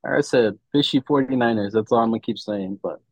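A man's voice: medium pitch, fast talker, slightly rough, no echo. Dude giving his sports takes on a podcast, slangy bro talk, medium voice, no room sound. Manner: slangy, opinionated, says "bro" often. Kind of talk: casual sports chat.

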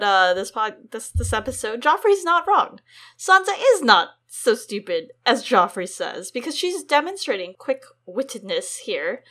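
Animated bright-voiced young woman. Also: fairly high pitch. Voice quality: quick and animated with frequent "like". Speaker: podcast co-host. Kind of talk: casual book discussion.

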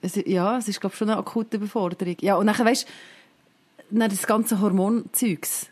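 A woman's voice: medium pitch, steady tone, normal speed, darkish tone. A woman in her thirties with a Swiss German accent in a casual chat, reflective and thinking aloud with many fillers.

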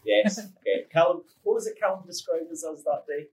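A man's voice: a little high, a little fast, vocal fry, slight background noise, low-quality recording. A man hosting a podcast, chatting casually, laughing often and restarting his sentences. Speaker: podcast host. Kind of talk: casual interview chat.

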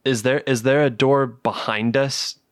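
A man playing in a tabletop game, making quick joking remarks. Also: medium pitch, steady tone, dry recording, studio quality. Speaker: player. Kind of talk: casual tabletop game chat.

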